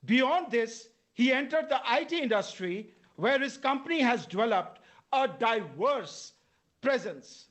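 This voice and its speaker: A man with an Indian accent reading formal scripted introductions as master of ceremonies at a debate, in a measured way. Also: very high voice, animated, fairly bright tone.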